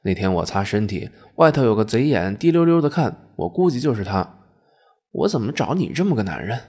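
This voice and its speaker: A man voicing a ragged old peasant wife who nags and swears at her husband in a loud tirade. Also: lowish voice, big pitch swings, brisk, husky, exaggerated voice. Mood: scolding.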